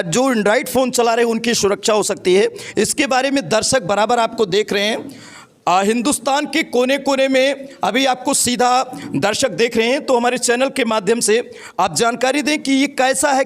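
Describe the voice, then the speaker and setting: A man reporting local news on location from a village panchayat hall, addressing viewers emphatically. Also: very high-pitched.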